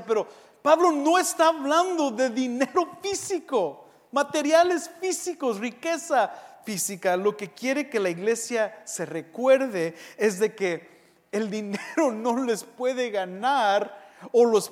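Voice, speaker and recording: A man with a high voice preaches an animated sermon. He slips into the voices of the people he quotes and drops in bits of English slang. His words carry a long reverb, as if spoken in a large hall.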